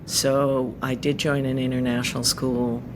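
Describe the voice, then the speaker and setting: A middle-aged woman from Japan, answering interview questions thoughtfully with pauses and fillers. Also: extremely low pitch, little pitch movement, noisy background. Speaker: podcast guest.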